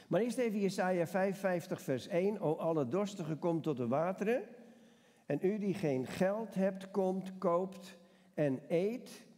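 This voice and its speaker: A man's voice: fairly high pitch, mellow. A man preaching a sermon and reading Bible passages, talking conversationally and putting questions to the congregation. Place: church hall. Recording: long church reverb.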